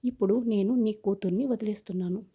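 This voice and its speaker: A woman's voice: mid-range voice, fast, husky, highs cut off. A woman reading the lines of a proud, defiant young man who calls off his wedding, in a scornful, lecturing way.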